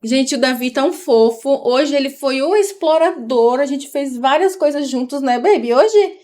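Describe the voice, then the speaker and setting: A woman's voice: high voice, normal speed, mellow. A middle-aged woman from Brazil, a mother chatting casually on a live stream and explaining things as she goes. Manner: chatty, explains while talking to her child.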